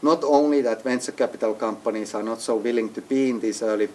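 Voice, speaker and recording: Man, hesitant measured speech. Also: mid-range voice, mellow, slight background noise. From Finland. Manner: hesitant, restarts often, non-native phrasing. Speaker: entrepreneur, interviewee. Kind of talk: business interview. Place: executive briefing center.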